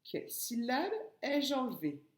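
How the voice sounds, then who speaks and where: Slow, patient woman teaching phonics. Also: on the high side, sing-song, reverberant. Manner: slow, syllable-by-syllable, patient explaining. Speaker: kindergarten teacher. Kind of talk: phonics lesson for young children.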